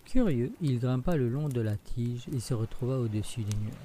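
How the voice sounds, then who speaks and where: A man reads a fairy tale aloud in a steady storytelling voice. His tone is mellow and warm, with a faint hiss of noise under the recording. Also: medium pitch, moderate pace. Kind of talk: scripted storybook narration.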